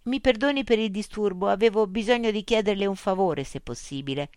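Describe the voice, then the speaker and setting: A woman's voice: medium pitch, fairly quick, a little mellow, smooth, no room sound, studio quality, voice pushed up, natural voice. A woman voicing a flustered adult woman writer who keeps apologizing. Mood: apologetic.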